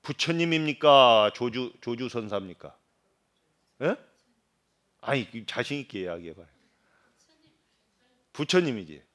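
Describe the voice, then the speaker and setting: A middle-aged man, a Buddhist monk giving a dharma talk. He questions his listeners, imitates regional dialects, and swings between loud emphasis and quiet asides. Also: medium pitch, expressive, a little slow, long pauses.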